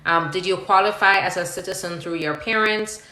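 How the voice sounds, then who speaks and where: With a fairly low, sharp-toned voice at a moderate pace, a female attorney runs a live question-and-answer stream, reading viewers' questions and explaining answers stepwise in a chatty way. The audio echoes with a roomy quality.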